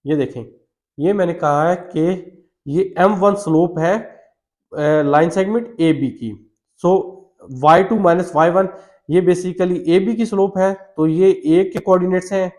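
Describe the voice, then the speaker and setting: Male maths teacher, Pakistani Urdu accent, slightly high voice, patient, step-by-step explaining, repeats himself. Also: a little slow, darkish tone.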